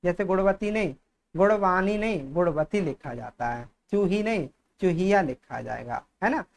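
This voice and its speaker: Man teaching grammar at a steady pace. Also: high-pitched, normal speed, gravelly, a little hiss or hum. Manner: repeats each word, dictating-style explanation. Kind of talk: Hindi grammar exam-prep lesson.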